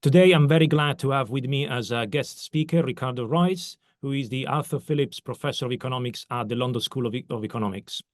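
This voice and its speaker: Male podcast host from Italy, mid pitch, dry close sound, rambling question style. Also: fast, few pauses, no echo. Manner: long winding questions with fillers like "kind of". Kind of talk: podcast interview.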